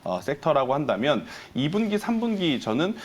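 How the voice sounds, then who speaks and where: A man giving measured, hedged market opinions as a guest on a TV show. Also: fairly high pitch, sing-song, slightly rough. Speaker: investment research director. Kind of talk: market commentary on TV. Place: TV studio.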